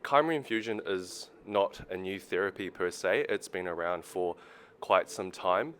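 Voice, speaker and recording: A man with a very deep voice opens an event and introduces the guest speakers. He pauses often with ums, and faint background noise sits behind him. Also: animated, a bit bright. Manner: hesitant, many ums. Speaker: company representative introducing speakers.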